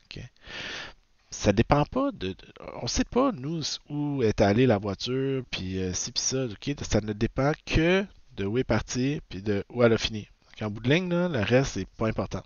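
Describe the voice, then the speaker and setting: A man's voice: mid-range voice, big pitch swings, normal speed, dry recording. A man with a Québécois French accent, teaching a recorded physics lecture, often checking in with "ok?" and correcting himself as he goes. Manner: frequent "ok?" checks, self-corrections. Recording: dull, dry lo-fi sound.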